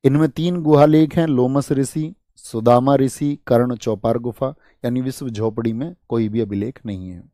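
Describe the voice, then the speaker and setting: A male teacher from India giving a fast exam-prep history lecture, firing questions at students and answering them himself. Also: mid-range voice, steady tone, warm tone, no room sound, clean studio sound.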